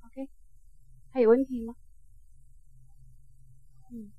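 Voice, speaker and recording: A woman's voice: fairly high pitch, fairly even intonation, takes it slowly, no room sound, faint music behind. A woman teaching a class on Buddhism. She talks conversationally, with many filler sounds, and keeps checking whether her listeners understand. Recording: dull, dry lo-fi recording.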